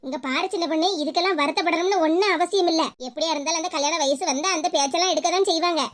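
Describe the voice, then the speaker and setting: Woman doing soft motherly village auntie for a cartoon, quick and high. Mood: gentle coaxing. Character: kindly middle-aged village woman, elder sister figure. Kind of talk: cartoon voice acting.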